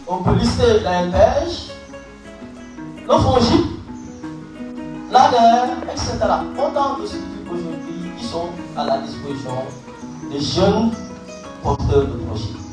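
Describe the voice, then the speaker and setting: A man from the school gives a formal prepared speech opening a job forum, in measured, deliberate sentences. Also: high-pitched, animated, a little mellow. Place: large echoey hall. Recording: echoey hall from far off, with music behind.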